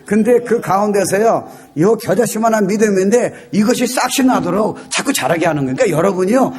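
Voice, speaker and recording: A male pastor preaching a sermon, animated and exhorting, who breaks into shouted quotes and slips in English phrases. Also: high-pitched, brisk. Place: church.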